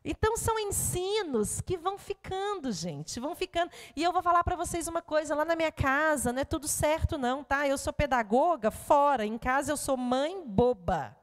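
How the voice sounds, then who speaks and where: A woman's voice: sits high, normal speed, few pauses, in a large hall. A woman pedagogue giving a parenting talk at a church, telling stories and speaking directly to her audience. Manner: animated storytelling to an audience. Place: church hall before an audience.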